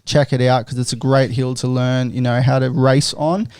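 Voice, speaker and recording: A man's voice: mid-range voice, little pitch movement, moderate pace, darkish tone, clear, resonant tone, no echo. A young man hosting a podcast, talking casually and rambling with lots of "you know" fillers. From Australia. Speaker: podcast host. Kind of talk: casual chat.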